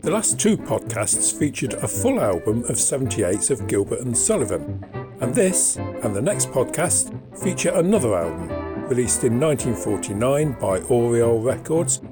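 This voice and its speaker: A man's voice: medium pitch, very animated, moderate pace. Male podcast host over music. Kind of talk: scripted podcast introduction.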